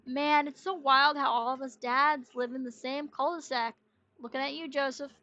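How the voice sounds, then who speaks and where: A woman's voice: high voice, fairly even intonation, moderate pace, bright, forceful tone. A woman voicing a friendly suburban neighbor dad in a game, reading his lines in a chummy, upbeat way. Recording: dull lo-fi sound.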